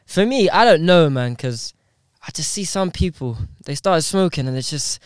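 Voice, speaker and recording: A man's voice: on the high side, animated, normal speed, smooth, dry recording, clean studio sound. A young man with a London roadman accent hosting a podcast in casual, slangy banter with friends. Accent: London roadman, multicultural urban slang. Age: young adult. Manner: slangy, chatty. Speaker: podcast host.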